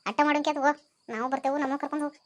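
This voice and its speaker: Deaf nagging grandmother as a woman plays her, North Karnataka accent, high voice, rapid rambling scolding. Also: fairly even intonation, lightly acted. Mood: coaxing. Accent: North Karnataka Kannada. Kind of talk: comedy skit acting.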